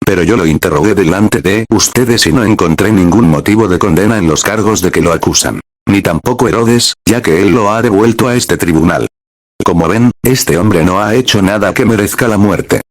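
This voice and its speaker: Give me a stern governor speaking formally as a man reads him, low voice. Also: normal speed, dry recording.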